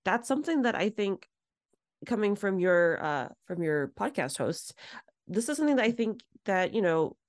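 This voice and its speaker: A woman co-hosting a podcast in casual chat, telling stories and acting out both sides of conversations with big jumps in pitch. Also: moderate pace, dry recording, studio quality. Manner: animated storyteller, acts out dialogue with big pitch jumps. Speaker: podcast co-host.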